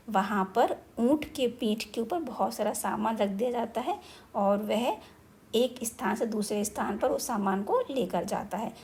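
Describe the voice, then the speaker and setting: A woman teacher going through a children's textbook, explaining slowly, reciting verse lines and asking the pupils questions. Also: on the high side, warm tone, husky.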